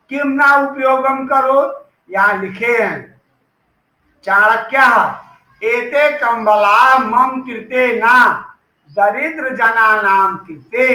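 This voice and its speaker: A man's voice: extremely high pitch, bright, forceful tone, roomy sound, rough recording. A man teaching a school lesson, patiently dictating answers in a mix of Hindi and English. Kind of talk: classroom lesson explaining answers.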